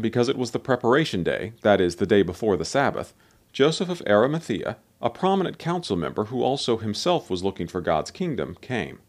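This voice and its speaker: Expressive man narrating scripture. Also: medium pitch. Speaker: scripture reader.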